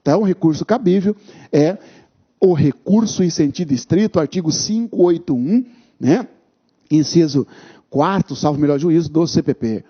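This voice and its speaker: A man's voice: on the high side, normal speed, breathy edge. A man teaching an exam-prep law lecture, stressing key terms by repeating them and often checking in with his listeners. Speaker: law instructor. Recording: dull lo-fi lecture recording.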